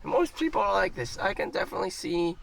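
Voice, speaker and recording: Gravelly man ranting profanely on stream. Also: high voice, very animated, fast, fairly bright tone. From United States. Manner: profane, rambling, repeats himself. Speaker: livestreamer. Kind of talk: casual ranting monologue. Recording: distant mic with faint background noise.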